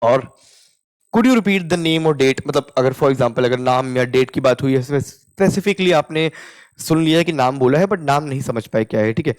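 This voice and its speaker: A young man with an Indian accent, teaching spoken English in a casual lesson, mixing Hindi with English and repeating example sentences slowly. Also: medium pitch, animated.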